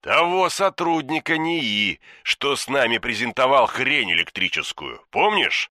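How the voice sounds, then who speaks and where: Guy doing a gruff grumbly police boss, sharp tense voice, swings up and down, dry sound. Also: medium pitch, sing-song, unhurried, no echo, voice pushed up, heavily acted. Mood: grim. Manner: grumbling, pressing, blunt. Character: gruff blunt older male police chief. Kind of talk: audiobook reading.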